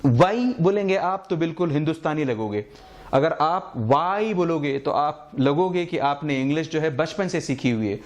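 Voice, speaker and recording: A man's voice: a little high, lively intonation. A man explaining English letter pronunciation in a lesson, patiently repeating each sound as a model. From India. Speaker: English teacher.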